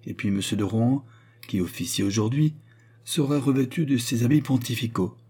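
A man's voice: medium pitch, fairly quick, warm tone, slightly rough, voice pushed up, natural voice. A man reading aloud as a solemn baron who respectfully but firmly presses his accusation before the king. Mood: insistent. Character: grave, deferential scheming minister, a baron. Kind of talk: audiobook character reading.

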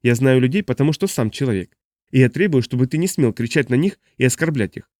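A man's voice: mid-range voice, animated, fast, darkish tone, no echo, clean studio sound, lightly acted. Weary human translator, stern, plain middle voice, read by a man.

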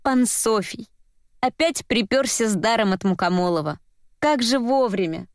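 A woman narrating a story in a wry, even storytelling manner. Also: fairly high pitch, normal speed, clear, resonant tone, no echo, clean studio sound. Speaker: audiobook narrator. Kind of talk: scripted narration.

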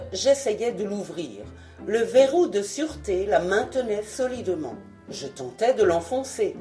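A woman narrating a novel in an expressive, dramatic audiobook reading. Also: medium pitch. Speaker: audiobook reader. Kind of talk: scripted narration.

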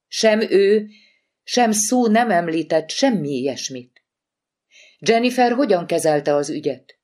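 Woman doing audiobook wife, clipped, reproachful, brisk, irritated boss. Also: fairly low pitch, animated, darkish tone, voice pushed up, lightly acted. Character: sharp, irritated woman medical-examiner chief, wife.

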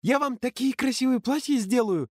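A man voicing an eager teenage girl in an audiobook, pleading in a high squeak. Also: moderate pace, darkish tone, no room sound, clean studio sound. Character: squeaky eager teen girl, wants to be costumer.

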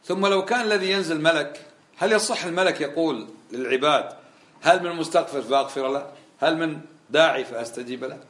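A man's voice: fairly high pitch, a bit bright, roomy sound. A man teaching a religious lesson, emphatic and full of rhetorical questions. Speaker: Islamic scholar teaching a lesson.

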